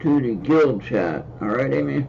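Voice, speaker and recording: With an animated, gravelly mid-range voice at a measured pace, an American man reads cards on a casual livestream. He rambles, hesitating with fillers and repeating himself. A little hiss or hum runs through the slightly dull lo-fi audio.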